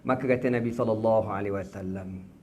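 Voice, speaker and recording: A man with a Malaysian Malay accent giving a religious lecture in a prayer room, telling the story in a lively, joking way with slang and sound effects. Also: lowish voice, fast talker, dull audio, slight background noise. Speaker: religious teacher.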